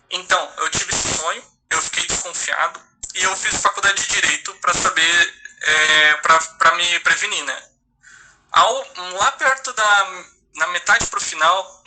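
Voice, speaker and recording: A Brazilian lawyer in his thirties from Paraná, giving a personal testimony in a halting way, full of restarts. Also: fairly high pitch. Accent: Brazilian Portuguese. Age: 30s. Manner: halting, many restarts and hesitations. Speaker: lawyer and guest speaker. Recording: noisy line with clicks.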